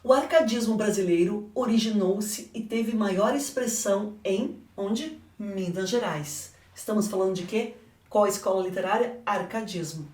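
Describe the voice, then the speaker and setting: A woman with a mid-range, slightly mellow voice speaks at normal speed while correcting an exam. She has a Brazilian Portuguese accent and teaches didactically, raising questions only to answer them, her voice distant and echoing around the room.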